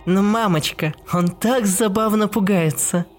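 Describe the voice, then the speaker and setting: A man voicing a sinister, cruel teenage ghost girl who sings and taunts in a slow, eerie sing-song. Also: high voice, soft background music, voice pushed up. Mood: gleeful menace.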